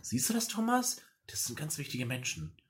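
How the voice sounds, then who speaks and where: A woman's voice: low-pitched, big pitch swings, moderate pace. A woman playing a bossy, mischievous schoolboy who leads the other kids in a comic improv scene.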